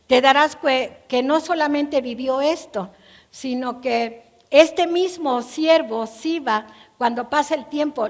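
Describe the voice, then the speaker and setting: A woman preacher with a high voice tells a scripture story in a church, turning to her listeners with questions. A long reverb from the hall trails each phrase. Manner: storytelling, asks the audience questions. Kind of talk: sermon.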